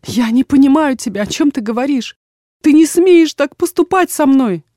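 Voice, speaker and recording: A woman's voice: sits high, expressive, moderate pace, dark tone, no room sound, pitched above the performer's own voice. Woman reading a defiant young daughter, pleading, urgent, emotional, dry close audiobook sound.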